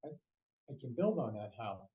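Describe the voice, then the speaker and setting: A man's voice: mid-range voice, big pitch swings, normal speed, reverberant, phone-quality sound. An elderly man in his eighties, a property owner giving rambling, folksy testimony with restarts. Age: 80s. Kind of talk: casual testimony.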